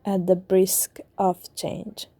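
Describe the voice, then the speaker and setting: A young woman from Hungary chatting casually as she narrates her travel and reading vlog, with soft laughs. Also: medium pitch, monotone, slow pace, dry recording. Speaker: book vlogger. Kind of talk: casual vlog voiceover and diary talk.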